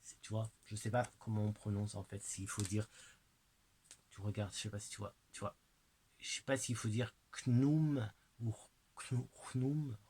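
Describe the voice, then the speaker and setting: A man chatting casually to the viewer while presenting oracle cards, halting and hesitant, sometimes dropping to a soft whisper. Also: on the low side, little pitch movement, a little hiss or hum, low-quality recording. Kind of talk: casual oracle card unboxing chat.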